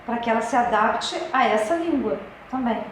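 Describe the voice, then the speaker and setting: A woman's voice: on the high side, animated, normal speed. A voice actress in an interview, chatting and adding her own examples to the conversation. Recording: very echoey room with faint noise.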